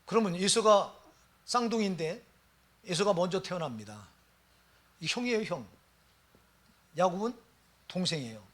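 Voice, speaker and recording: A man's voice: high-pitched, expressive, moderate pace, long pauses, fairly bright tone. A middle-aged man preaching a fervent sermon as a pastor in a church, with calls of amen and hallelujah. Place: church sanctuary.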